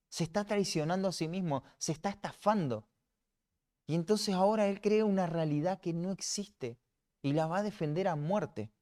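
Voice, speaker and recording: A man's voice: fairly high pitch, darkish tone. A man with a Rioplatense Spanish accent teaching a church Bible class, earnest, often restarting and repeating words. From Argentina.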